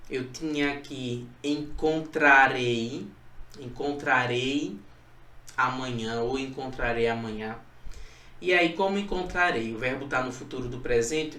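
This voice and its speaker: A man's voice: on the high side, a bit bright. A male teacher giving a recorded grammar lesson, explaining rules step by step and repeating key points. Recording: echoey room, voice from a distance.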